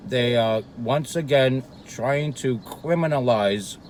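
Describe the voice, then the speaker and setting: Slow, rambling New man eating. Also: mid-range voice, slight background noise, low-quality recording. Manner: profane, meandering, hesitant fillers. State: eating while talking. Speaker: vlogger. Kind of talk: rambling casual monologue. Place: street near a Brooklyn diner.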